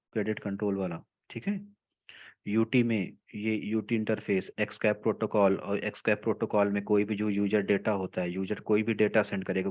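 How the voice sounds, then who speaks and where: A man teaching a technical lecture. He explains slowly, mixes in English terms, repeats key phrases and checks in with his listeners often. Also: on the low side, lo-fi sound. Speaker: telecom trainer.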